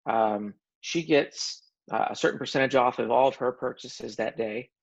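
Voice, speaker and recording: A man sharing a personal story in casual conversation, animated and joking, often restarting his sentences. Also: medium pitch, normal speed, creaky. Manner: animated, self-described funny guy, frequent restarts. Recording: dull lo-fi recording.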